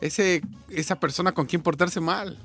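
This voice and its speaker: A man's voice: high voice, measured pace, over loud music. A man, co-hosting a radio show and chiming in with short joking remarks. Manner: chimes in with short jokey remarks. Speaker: radio co-host. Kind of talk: comic banter.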